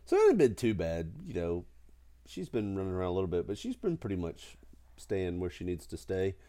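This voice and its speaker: A man's voice: low voice, huge pitch swings, brisk, dark tone. A middle-aged man who is sick with a cold, chatting casually and jokingly as a podcast co-host. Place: at home in a house.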